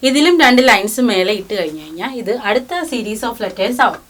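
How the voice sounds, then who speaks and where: Woman w teaching a lesson, patient, says each syllable slow and repeats it. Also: mid-range voice, lively intonation, a bit bright, a little hiss or hum. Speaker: Japanese language teacher. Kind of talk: step-by-step lesson talk, reading out syllables.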